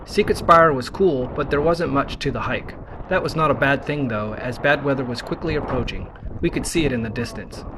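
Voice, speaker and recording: A man's voice: medium pitch, background noise. A man narrating his outdoor travel vlog in a scripted voice-over. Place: voice-over recorded apart from the footage. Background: music.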